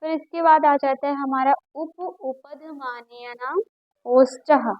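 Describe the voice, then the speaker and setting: Woman teacher, high voice, repeats sounds for the class, dry close mic, kinda lo-fi. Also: dry recording. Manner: patient, repeats sounds aloud for students to copy. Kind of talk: classroom lesson on Hindi phonetics.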